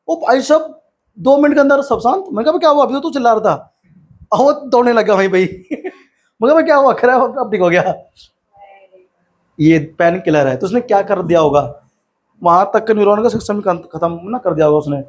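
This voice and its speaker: A young man teaching science in a casual classroom lecture, chatting, telling funny anecdotes and asking and answering his own questions. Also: high-pitched. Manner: reads English textbook lines slowly, word by word.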